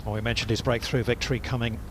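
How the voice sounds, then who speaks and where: A man's voice: mid-range voice, flat delivery, fast. A man commentating live on golf, reporting scores and player records. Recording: noisy outdoor broadcast.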